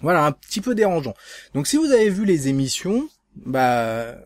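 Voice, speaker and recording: A man's voice: a little high, very animated, moderate pace, no room sound. A man from France hosting a casual video blog, speaking hesitantly with many fillers and restarts. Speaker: vape channel host.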